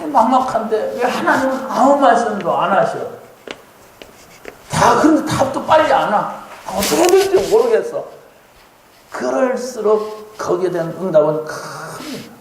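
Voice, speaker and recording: A male pastor preaching a sermon in a church, talking conversationally and keeping up a stream of questions to the congregation. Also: sits high. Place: church sanctuary. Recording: heavy church-hall echo, faint hum.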